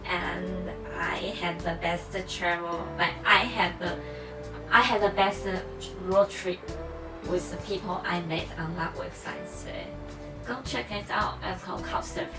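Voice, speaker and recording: A young travel vlogger whose first language is Mandarin Chinese chats casually to the camera, encouraging her viewers and using plenty of fillers. Her voice is fairly low and steady, and she takes her time. Music plays behind her, and the recording is rough.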